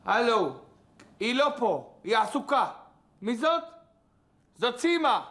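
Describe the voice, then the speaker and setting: Frazzled sitcom dude juggling phone calls, real high voice that jumps around, noisy track. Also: male voice, very animated, fairly bright tone, exaggerated voice. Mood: flustered. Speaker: sitcom character. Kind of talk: sitcom acting.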